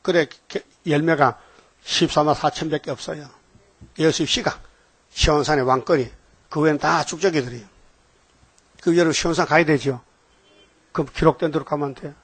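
A man's voice: fairly high pitch, moderate pace, long pauses, a bit bright, breathy edge, no echo. An older man preaching a folksy sermon, telling homely stories and often asking the congregation "eh?" for agreement.

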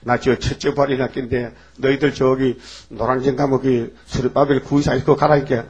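A man preaching in a husky voice, putting on a stubborn, grumbling old pastor who speaks up from his grave. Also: medium pitch, level tone, normal speed, a little mellow, highs cut off, lightly acted.

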